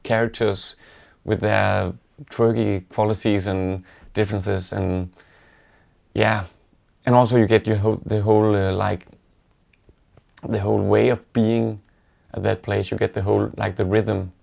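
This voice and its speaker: In a relaxed, interview-like setting, a man from Denmark recalls stories with a Danish accent. His voice is low and gravelly with strong fry, and he speaks evenly and without variation, pausing and reflecting.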